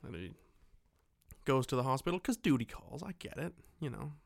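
A podcast co-host with a medium-pitched, gravelly voice talks at normal speed but with lots of animation, mocking his way through a casual film recap. He acts out characters' dialogue irreverently, captured in studio quality with no room sound.

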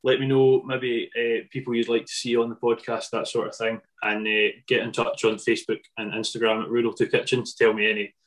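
A man's voice: mid-range voice, little pitch movement, brisk, few pauses. A man hosting a podcast casually, talking in a rambling, hesitant and self-deprecating way. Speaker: podcast host.

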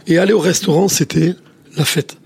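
A middle-aged chef from southwest France with a southwest French accent, telling stories in a rambling way with many restarts. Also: male voice, fairly high pitch, fairly even intonation, moderate pace, creaky, darkish tone, husky. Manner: rambling, many restarts, says "tu vois" often. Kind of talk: casual interview storytelling.

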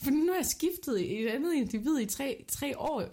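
A woman's voice: high voice, lively intonation, dark tone. A woman. She co-hosts a casual podcast, sharing confessional anecdotes in loose everyday phrasing and poking fun at herself as she goes. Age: 30s. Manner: candid, self-mocking, colloquial. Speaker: podcast co-host. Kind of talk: casual confessional chat and storytelling.

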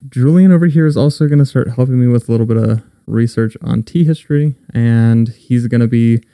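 A young man hosts a podcast in a dry recording, his medium-pitched voice dark-toned and brisk. He chats easily and describes flavors in a relaxed way, mixing casual tasting talk with a scripted intro.

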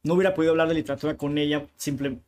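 Northern mexican guy, kinda high voice, chatting casually as an interview guest, tells stories with lots of slang. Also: racing. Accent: northern Mexican Spanish. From Tijuana, Mexico. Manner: lively storyteller with slangy asides. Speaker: bookshop owner, interview guest.

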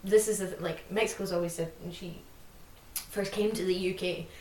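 Slightly off-mic in a roomy recording, the young podcast co-host speaks fairly quickly with a lowish, darkish, steady voice. Her casual chat rambles along, thick with the filler "like."

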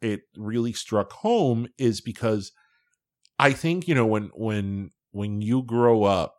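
A podcast host with a mid-pitched voice, chatting casually and reflectively. The host asks follow-up questions and laughs along with the guest. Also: slow pace, a little mellow.

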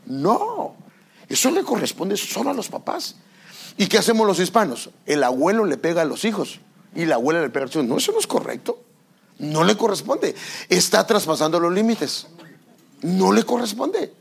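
An older man delivers a sermon as pastor, with a gravelly, husky voice. His pitch sits a bit high and leaps around widely as he preaches. He acts out parents and children in quick little scenes. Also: sing-song.

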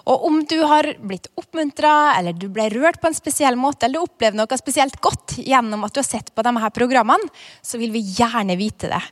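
A woman host giving a friendly closing announcement that thanks listeners and invites them to get in touch. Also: fairly high pitch.

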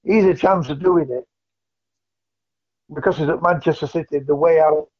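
Man, phone caller, slightly raised pitch, earnest, restarts phrases, muffled phone-line sound. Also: moderate pace. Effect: heard over a phone call. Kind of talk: casual call-in chat.

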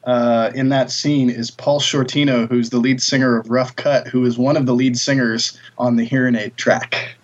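A man's voice: mid-range voice, flat delivery, moderate pace, hardly any pauses, lo-fi sound. Man sharing band-tour trivia. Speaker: touring musician. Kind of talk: casual podcast chat.

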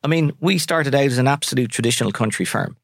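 A man with a west of Ireland accent talks as an interview guest in a frank, colloquial style. His voice sits at a middling pitch. The recording is dry, with hardly any room sound. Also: expressive, fast, creaky, no room sound. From Sligo, west of Ireland. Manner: candid, colloquial. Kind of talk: conversational interview answers.

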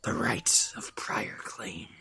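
A man voicing a scornful male devil of the woods in a hoarse, growling whisper. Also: slow, pushed and bright. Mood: menacing.

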